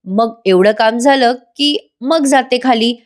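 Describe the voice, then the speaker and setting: A woman's voice: a little high, slow, voice pushed up. Woman narrator plays a firm, defiant wife. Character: defiant housewife Suman.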